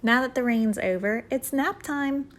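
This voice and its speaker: A woman's voice: sits high, a little slow. A woman talking to her dog in playful, teasing questions, casually, as in a home pet video. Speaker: pet owner filming own dog. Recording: noisy home recording.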